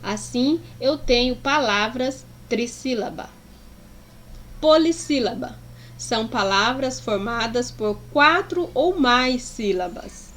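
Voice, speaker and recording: A woman's voice: fairly high pitch, lively intonation, takes it slowly, fairly bright tone. A woman teacher explaining a lesson to pupils, affectionate and sounding out words syllable by syllable. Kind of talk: slow, deliberate classroom explanation.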